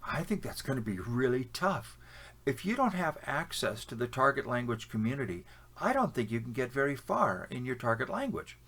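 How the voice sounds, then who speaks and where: This language-learning vlogger talks to the camera in a casual, opinionated way, handing out advice with lots of fillers and restarts. He has a Canadian accent and a medium-pitched voice that's very animated, fairly bright, and paced at normal speed.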